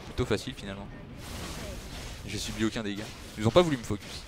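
A man's voice: fairly low pitch, fast talker, noisy background. A young man, chatting casually with his viewers while playing and teasing them back. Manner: chatty, teasing, answering chat. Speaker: streamer. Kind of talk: casual gameplay commentary with chat.

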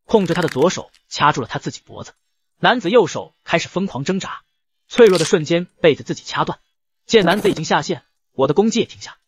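A man tells a comic story at speed in scripted narration. His pitch swings a lot and sits a bit high, with a brisk, lively storyteller's drive.

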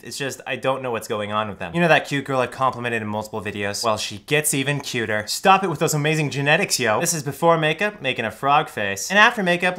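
A young man hosting his channel, giving sarcastic, mocking commentary as he rates viewer photos. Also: on the high side. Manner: snarky, mocking, deadpan jokes. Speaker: YouTube host rating viewer photos.

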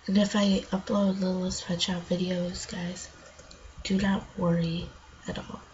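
A woman's voice: lowish voice, level tone, a little slow, a little mellow, a little hiss or hum. A female channel host with a stuffed-up nose, chatting casually and rambling through gameplay commentary. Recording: dull lo-fi home recording.

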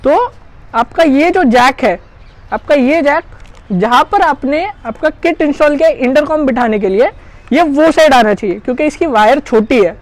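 There's no echo as a gear reviewer with a high, lively voice works through a product installation at a moderate pace. She keeps things casual and chatty, explaining step by step with her hands on the job.

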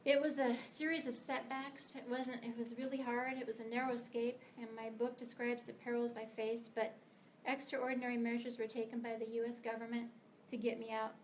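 A woman's voice: a little high, little pitch movement, a little fast, hardly any pauses, a little hiss or hum. Earnest middle-aged American woman speaker. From United States. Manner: earnest, emphatic, sometimes stumbling. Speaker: guest speaker, author. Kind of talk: prepared speech to a meeting. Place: meeting room of a library.

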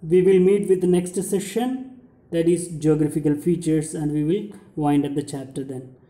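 A young man with a high, very mellow voice gives a lecture like a schoolteacher. He explains each point and then restates it. The room adds noticeable echo. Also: moderate pace. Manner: lecturing, explanatory, repeating and rephrasing key points. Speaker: geography teacher. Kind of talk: slide lecture. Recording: roomy indoor echo.

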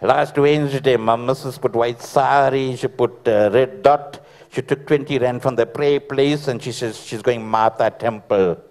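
A man's voice: medium pitch, fairly even intonation, unhurried, darkish tone. A man with a Durban Indian South African accent doing live stage comedy, answering in a naive, puzzled way. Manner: naive, puzzled, short replies. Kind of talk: live comedy sketch dialogue. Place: theatre stage, live show. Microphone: handheld microphone.

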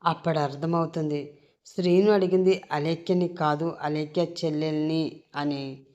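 Female narrator for a dramatic audio story, lower voice, warm and mellow. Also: fairly even intonation, moderate pace, lo-fi sound.

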